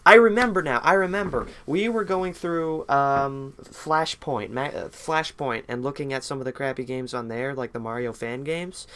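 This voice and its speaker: A man's voice: medium pitch, unhurried, hardly any pauses, a bit bright, clean tone. A young man streaming a game, chatting casually in a rambling, self-deprecating way.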